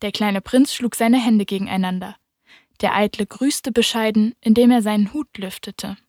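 A woman narrating a storybook audiobook in a calm, even storytelling manner. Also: medium pitch, normal speed, dry recording, studio quality.

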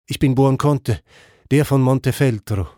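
A man's voice: mid-range voice, unhurried, dark tone, dry recording, clean studio sound, natural voice. A man reading aloud, voicing the soul of a fallen warrior recounting his death mournfully. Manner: mournful, grave.

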